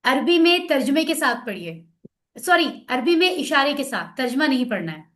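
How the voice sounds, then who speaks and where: High-voiced woman teaching online. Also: big pitch swings, normal speed, fairly bright tone. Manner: drills words aloud, then explains patiently. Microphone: video call.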